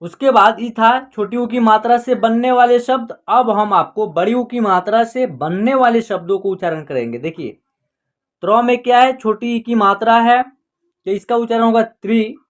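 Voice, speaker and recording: A woman teaching Hindi reading online. She explains patiently and repeats herself, drawing out single syllables one by one and often adding the filler "jo hai na". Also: fairly high pitch. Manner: patient, repetitive, slowly sounding out syllables. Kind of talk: explanatory lesson narration.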